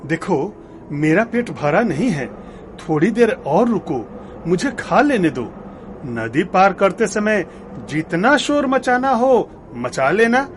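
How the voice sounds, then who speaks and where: Cartoon camel, male, large and trusting, slow and bouncy, played by a man. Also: high-pitched, slight background noise, exaggerated voice. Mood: friendly. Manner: friendly, slow and lively. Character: big trusting good-natured male camel.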